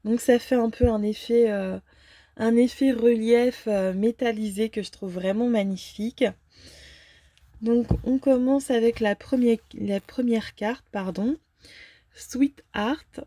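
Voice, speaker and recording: Slow, mellow-voiced woman reviewing cards. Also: fairly high pitch, steady tone, dry recording. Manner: hesitant, many filler pauses. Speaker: fortune-telling deck reviewer. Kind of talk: casual unboxing and deck review.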